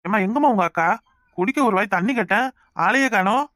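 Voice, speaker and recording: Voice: medium pitch, expressive, quick pace, a bit bright, dry recording, studio quality, natural voice. Someone voicing a bossy village uncle with a Kanyakumari accent. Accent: Kanyakumari Tamil. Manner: bossy but affectionate, scolding. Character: caring middle-aged village uncle, head of household. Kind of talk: cartoon voice acting.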